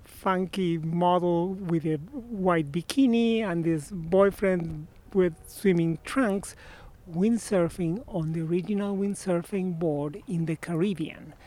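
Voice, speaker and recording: His voice sits high and his delivery is slow, with hardly any pauses. He's an Argentine-accented man in his sixties, a guest telling stories in a laid-back outdoor interview at a marina, animated and prone to trailing off and restarting.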